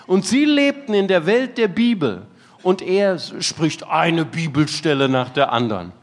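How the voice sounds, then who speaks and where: A male preacher with a fairly high voice delivers a sermon as animated storytelling and laughs at his own anecdotes. His words ring out with a long reverb in a large conference hall. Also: a little slow.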